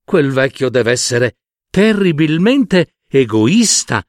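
A man's voice: medium pitch, sing-song, takes it slowly, dry recording, clean studio sound. A man voicing a young village girl who speaks with tender pity, in a spoken folk tale. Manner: tender, pitying.

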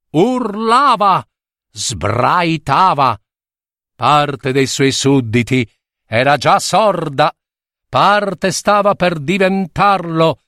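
A man from Italy reading a fairy tale aloud with lively, theatrical narration. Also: a little high, no room sound, clean studio sound. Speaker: storyteller.

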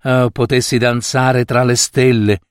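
A man voicing a tender young girl in a storybook reading, raising his voice to sound high and pleading. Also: little pitch movement, unhurried, clear, resonant tone, no echo, clean studio sound, natural voice. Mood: dreamy. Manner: pleading, raised pitch, cries out.

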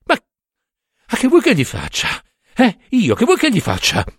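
A man's voice: fairly high pitch, big pitch swings, moderate pace, husky, no echo, clean studio sound, pitched above the performer's own voice, exaggerated voice. A man voicing a flustered young husband, out of breath and exasperated. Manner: panting, pleading then exasperated.

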